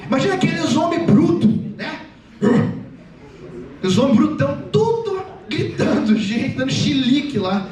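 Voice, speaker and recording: A man giving an animated, joking youth sermon, acting out voices as he tells the story. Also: very high voice. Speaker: youth preacher. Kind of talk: lively comic youth sermon. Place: church hall. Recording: echoey hall, voice from far off.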